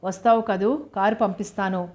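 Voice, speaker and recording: A woman's voice: medium pitch, steady tone, moderate pace, a little mellow, natural voice. A woman reading the part of a middle-aged man who insistently invites a guest and brushes off refusals.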